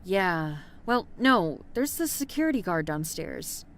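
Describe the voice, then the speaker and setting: Game office worker: lowish voice, lively intonation, weary and guarded. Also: female voice, a little slow. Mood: startled, wary. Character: weary, guarded female office worker working late alone. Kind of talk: video game voice acting.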